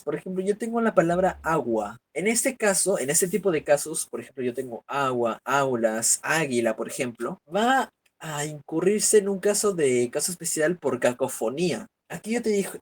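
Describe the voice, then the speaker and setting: A man's voice: a little high, sing-song, moderate pace. A man teaching an online grammar class, working through examples and asking rhetorical questions. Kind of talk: virtual class lecture. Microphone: computer mic on video call.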